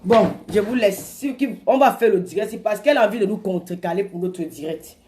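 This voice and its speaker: A woman hosting a comedic live stream, commenting in a lively, emphatic and repetitive way. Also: medium pitch, brisk, slight background noise.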